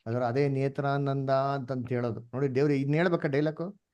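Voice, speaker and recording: A man's voice: medium pitch, fairly even intonation, a little fast, a little mellow, clear, resonant tone. A man with a Kannada accent teaching an online Bible class, asking questions and mixing English words into his talk. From India.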